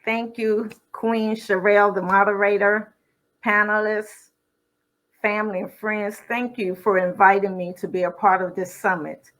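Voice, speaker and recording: A middle-aged woman gives a personal testimony at a caregiving summit. She speaks slowly and earnestly, in a mid-range voice, and mixes her family story with talk of her faith. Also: mid-range voice, little pitch movement, a bit bright.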